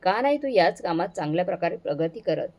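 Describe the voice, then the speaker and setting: A woman voicing a kind husband who gently reassures his wife in a storybook reading. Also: on the low side, animated, fast. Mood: reassuring.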